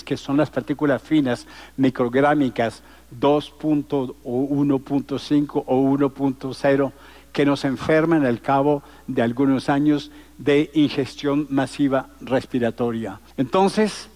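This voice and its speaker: A Colombian man in his sixties gives a public lecture to a live conference audience, speaking emphatically and rhetorically through repetition and lists. His voice is fairly high in pitch with a darkish tone.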